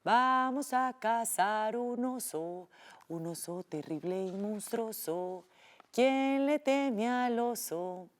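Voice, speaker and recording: A woman's voice: a little high, slow. A woman teacher telling a children's story in a playful, sing-song way, acting out the sound effects.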